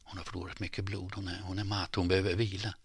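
Narrator voicing a calm, quiet doctor. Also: male voice, sits low, husky, dry recording. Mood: sober. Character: calm, matter-of-fact country doctor.

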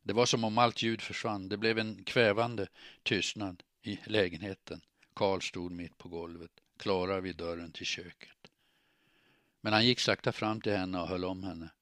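A man reading a novel aloud as narrator, in measured, even storytelling. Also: sits low, dry recording, clean studio sound. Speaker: audiobook narrator. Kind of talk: scripted narration.

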